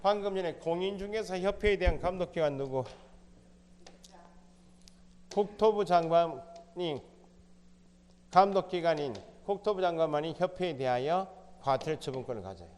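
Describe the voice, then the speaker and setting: In a recorded exam prep lecture, a man with a somewhat high, animated, smooth and slightly mellow voice speaks at a moderate pace in a big, echoing room. He quizzes the class, posing questions and then answering them himself.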